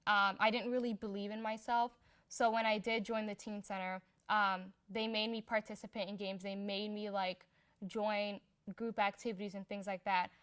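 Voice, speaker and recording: A woman's voice: mid-range voice, level tone, moderate pace, a bit bright, clean tone. A young woman from Somalia in a casual personal interview, talking in a chatty, unpolished way with lots of filler words. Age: young adult. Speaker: interviewee in a community profile.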